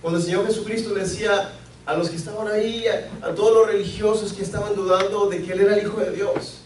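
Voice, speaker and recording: A man's voice: high voice, steady tone, fast talker, darkish tone, slight background noise. A man from Mexico preaching a sermon as pastor, earnest and repeating key phrases for emphasis. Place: church sanctuary. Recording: echoey church, mic at a distance.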